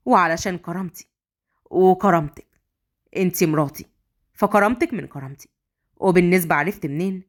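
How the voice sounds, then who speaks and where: Woman putting on a gruff commanding husband. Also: lightly acted. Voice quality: rough, lowered voice. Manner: commanding, blunt, teasing. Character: gruff domineering young husband, brash and joking.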